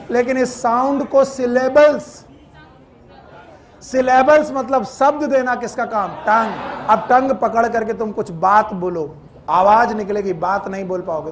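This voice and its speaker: A man teaching biology to a class in Hindi with a Purvanchal accent, quizzing students and scolding them, dropping in English terms. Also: very high voice. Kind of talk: classroom lecture.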